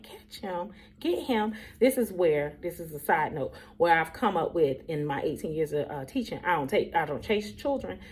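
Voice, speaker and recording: Chatty woman telling a classroom story. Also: on the low side. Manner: animated, chatty, addresses viewers directly. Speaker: teacher. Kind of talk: casual storytelling vlog.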